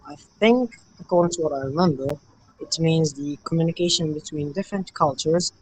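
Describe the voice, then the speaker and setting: A man's voice: a little high, brisk, a little mellow, low-quality recording. A young man from Morocco, answering interview questions carefully over a video call. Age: young adult. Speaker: interview guest.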